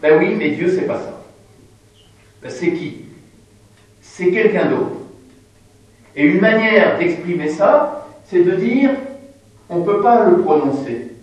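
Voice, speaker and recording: A man giving an informal bible lesson to a group, explaining patiently and haltingly with many fillers. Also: sits high, animated. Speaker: religious teacher. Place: indoor room with listeners. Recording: very echoey room, mic far off.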